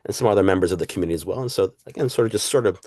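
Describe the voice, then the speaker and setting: A man's voice: low-pitched, very fast, warm tone, dry recording. A man from Puerto Rico talking as a guest historian in an interview, reflective, with many fillers and asides. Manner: reflective, uses fillers and "right?". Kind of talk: casual interview talk.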